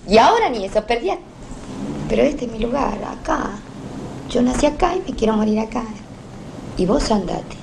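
A woman's voice: fairly high pitch, big pitch swings, moderate pace, creaky, long pauses, noisy background. An actress with a Rioplatense accent playing a weary, stubborn working-class mother who speaks with fervent, pleading passion. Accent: Rioplatense Spanish. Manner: impassioned, pleading, swings between hushed and fervent.

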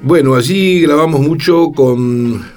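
Speaking slowly in a fairly high pitch over soft background music, a Rioplatense-accented record producer shares lively anecdotes in an interview. He acts out the voices of those he quotes as he tells his stories.

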